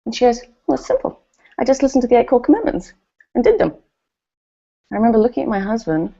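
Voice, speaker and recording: In a muffled recording, a woman from New Zealand talks quickly in a slightly high, gravelly, husky voice with a New Zealand accent. She's giving a motivational speech at a company function, telling lively stories and performing other people's lines.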